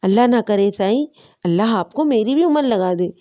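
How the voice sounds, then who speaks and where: A gentle, deferential young wife, read by a woman, soft and yielding. Fairly high and mellow, on a muffled lo-fi track. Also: lively intonation, natural voice. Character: devoted, submissive young wife.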